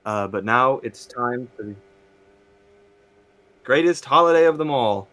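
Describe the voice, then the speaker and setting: Guy on a livestream headset mic doing race commentary, upbeat showy patter, mid-pitch voice. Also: animated, a little slow, sharp tone.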